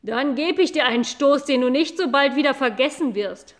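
A wise old cow in a storybook, the eldest and angriest in the barn, as a woman puts her on. She bellows loudly, pitched a little above the reader's own voice, hammering each threat home with fury. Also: expressive, takes it slowly. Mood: furious. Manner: bellowing, loud and furious.

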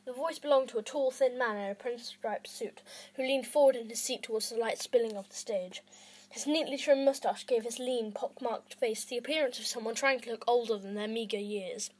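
A woman's voice: fairly high pitch, normal speed, a little mellow, slightly rough, poor audio. A woman hosting her own podcast, reading a storybook aloud in an amateur, self-conscious way that stumbles over words. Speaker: podcast host and reader.

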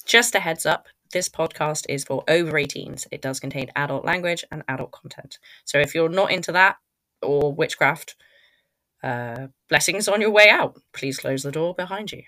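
A woman's voice: sits low, normal speed, a bit bright. A British woman in her thirties hosting a podcast, telling her own story in a casual, unscripted, rambling way. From United Kingdom. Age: 30s. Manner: rambling, chatty, self-interrupting. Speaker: podcast host.

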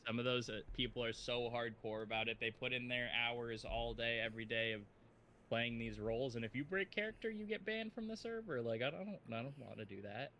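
A man's voice: mid-range voice, expressive, fairly quick, bright, forceful tone, slight background noise. A man co-hosting a casual gaming podcast, blunt and opinionated as he complains about the state of the games industry. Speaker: podcast co-host.

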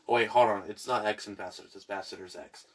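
A man's voice: lowish voice, fairly even intonation, fast, breathy edge, far from the mic. A young man in casual chat, joking around and slipping into silly voices and sound effects.

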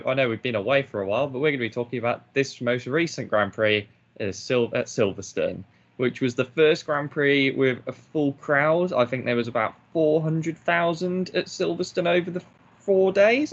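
A man co-hosting a casual podcast, blunt and opinionated, joking with his co-hosts. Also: mid-range voice. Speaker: podcast co-host. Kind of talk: casual chat. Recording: dull lo-fi podcast audio.

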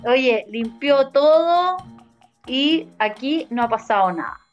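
A woman's voice: high voice, takes it slowly. Chatty chilean woman retelling a tale. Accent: Chilean Spanish. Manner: slangy, animated, laughing often. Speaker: storyteller. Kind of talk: casual retelling of a story between friends. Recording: muffled lo-fi with faint music.

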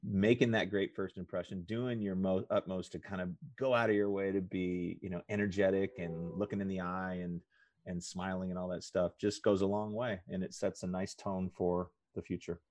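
A middle-aged man, a podcast guest, telling a story in a relaxed chat and acting out the voices he quotes. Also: low-pitched, moderate pace, no room sound. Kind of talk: casual storytelling.

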